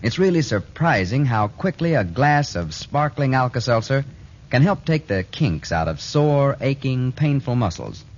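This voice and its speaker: Unhurried and medium in pitch, with big swings in his intonation, a man gives a folksy, persuasive sponsor announcement. It comes across as a muffled AM radio broadcast from the 1940s.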